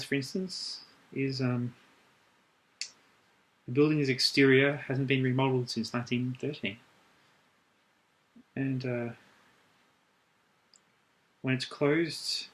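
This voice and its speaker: A man doing an ASMR role-play as a librarian, chatting gently and recommending things in an unhurried way. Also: mid-range voice, little pitch movement, rough recording. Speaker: ASMR performer playing a librarian.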